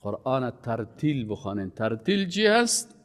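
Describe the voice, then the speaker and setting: A man giving an emphatic religious lecture, his voice rising on key words and dropping low. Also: very animated. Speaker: Quran teacher. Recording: long hall reverb.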